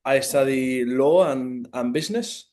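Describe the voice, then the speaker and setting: Young student guy from spain saying who he is, average pitch. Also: unhurried, a little mellow. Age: young adult. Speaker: intern, student. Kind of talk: casual self-introduction.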